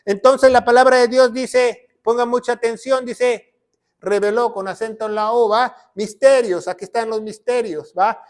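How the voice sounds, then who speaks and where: A man preaching a teaching sermon in a notably high voice. He drives his points home by repeating phrases and keeps checking in with his listeners as he teaches from a whiteboard. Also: fairly even intonation, moderate pace. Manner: emphatic, repeats key phrases, frequent "¿va?" check-ins. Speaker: pastor and Bible teacher.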